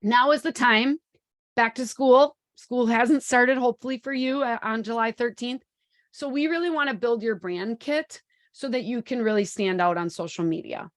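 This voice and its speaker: A woman in her forties delivers a live webinar at normal speed, her voice fairly high, speaking into a computer microphone. The tone is upbeat and chatty, thick with ums and fillers, and the audio is studio quality with no room sound.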